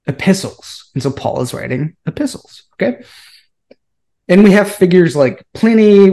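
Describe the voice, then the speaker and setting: Male guest scholar, mid-pitched, professorial and chatty, keeps asking "right?". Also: a little mellow. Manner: professorial, checks in with "right?" and "okay?". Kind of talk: explaining to a group on a podcast.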